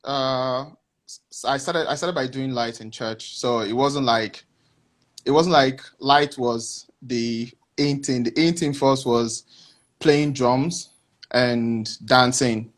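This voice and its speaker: A man, a guest on a video call, telling his story haltingly with many restarts. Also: mid-range voice. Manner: hesitant, many restarts, reflective. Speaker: interview guest. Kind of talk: casual interview answers.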